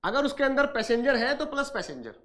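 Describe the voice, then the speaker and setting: In an online engineering exam-prep lecture, a man with a very high, sing-song, fast, slightly bright voice asks questions and then answers them himself. He repeats points, calls students "dear" and "brother", and mixes in English technical terms.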